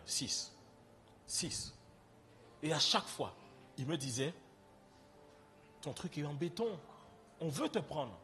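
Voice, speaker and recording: A young man with a French Caribbean accent preaching with a slightly high voice. He tells his own story in a relaxed, chatty way and speaks straight to his listeners. Soft music plays underneath. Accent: French Caribbean (Antillean). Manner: conversational, storytelling, addresses listeners directly. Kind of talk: sermon with personal testimony.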